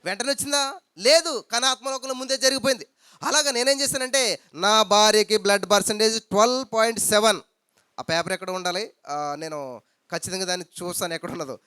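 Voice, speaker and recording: A man's voice: high voice, fairly even intonation, quick pace, pushed and bright, clear, resonant tone, no room sound, clean studio sound. A man preaching a sermon as pastor, with emphatic hallelujah calls and questions put to the congregation. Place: church hall.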